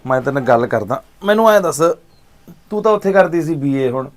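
A man, acting as an uncle in a short film, gently consoling and reassuring his niece. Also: medium pitch, animated, a little fast. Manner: warm, fatherly consoling. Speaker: uncle by marriage.

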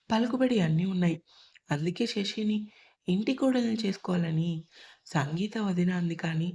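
A woman reading the part of a worried, tearful middle-aged mother in an audio storybook, with a soft, pleading delivery. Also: medium pitch, husky.

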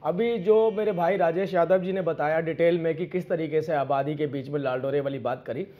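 A man with a high voice joins a television debate panel by phone, and his sound is thin and narrow. He sets out his argument in a measured, explanatory way, turning to speak straight to his opponents. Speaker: opposition party panelist. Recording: tinny phone-line connection.

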